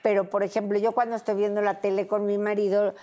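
A woman's voice: medium pitch, flat delivery, quick pace, warm tone. A middle-aged woman with a Mexican accent, a brash panel guest who tells stories and acts out the dialogue. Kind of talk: casual panel chat, storytelling.

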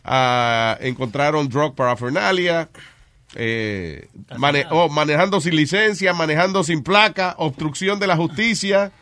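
A man's voice: fairly high pitch, animated, measured pace, fairly bright tone, no echo, clean studio sound. A man hosting a morning radio show, joking and laughing often as he switches between Spanish and English. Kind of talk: casual morning radio banter.

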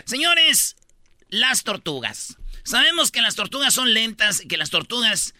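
Bright, lively Mexican man hosting a comedy radio show. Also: very high voice, measured pace, dry recording. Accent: Mexican Spanish. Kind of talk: joking radio banter.

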